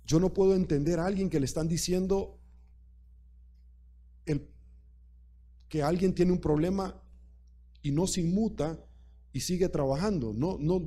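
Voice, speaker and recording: A man's voice: a little high, mellow. A man preaching a sermon, speaking emphatically and repeating key phrases while addressing the congregation directly.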